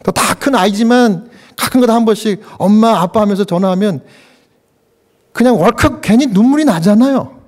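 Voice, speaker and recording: A man's voice: normal speed, darkish tone. A male pastor preaching a sermon, talking to the congregation in a conversational, emotional way and often putting questions to them. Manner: emotional preaching with sudden pitch leaps and acted quotes.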